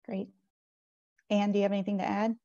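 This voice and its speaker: Flat-voiced woman moderating a video call. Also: medium pitch, a little fast, no room sound. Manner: brief, even questions. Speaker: panel moderator. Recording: dull dry video call audio.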